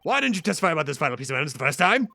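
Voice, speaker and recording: A man voicing a stern elderly judge in a slow, low, measured way. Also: sing-song, vocal fry, sharp tone, exaggerated voice.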